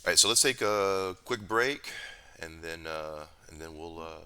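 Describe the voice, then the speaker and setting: Deep-voiced man running a game. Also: unhurried, smooth. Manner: relaxed, joking, full of restarts. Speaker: game master.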